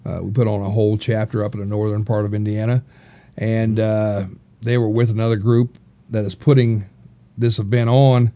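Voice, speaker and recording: A hesitant man hosting a casual podcast, often pausing on fillers. His voice is mellow and dark, and it comes through a dull, lo-fi recording. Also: lowish voice. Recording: dull lo-fi sound.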